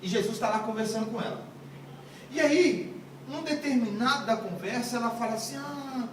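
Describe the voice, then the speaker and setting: A man's voice: extremely high pitch, a little fast, a little hiss or hum. A man in his thirties preaching a humorous sermon, retelling the story in a joking, slangy way, heard from a distant mic in a very echoey room. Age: 30s. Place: live gathering room.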